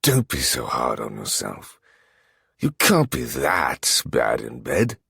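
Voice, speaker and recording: A woman's voice: wildly swooping pitch, takes it slowly, fairly bright tone, dry recording, clean studio sound, heavily acted. A woman voicing a drawling, slightly slurred male werewolf lord who turns cold and commanding. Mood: mocking. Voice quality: gravelly, husky, very deep put-on voice. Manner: lazy drawl turning icy.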